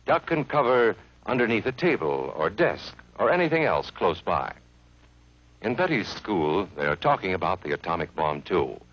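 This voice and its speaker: An American man narrating a grave civil defense film from the 1950s in a measured, instructive way, as if addressing children. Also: sits low, very animated. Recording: dull vintage film soundtrack.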